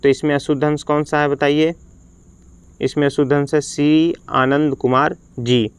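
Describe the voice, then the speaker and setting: A man's voice: fairly high pitch, little pitch movement, normal speed, smooth. A man teaching as a Hindi teacher, reading out exam practice questions and their options one by one, then giving the correct answer.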